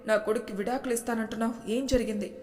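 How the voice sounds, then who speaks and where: A woman's voice: on the high side, steady tone, quick pace, darkish tone, big-room sound, close to an everyday voice. A woman voicing a worried middle-aged mother who anxiously questions and pleads with her son. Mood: pleading.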